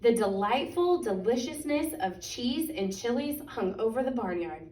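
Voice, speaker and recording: Female storytime reader, higher register, expressive and deliberate picture-book delivery, recorded at a distance in a roomy space. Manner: expressive, deliberate, stretching key words. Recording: echoey room, distant microphone.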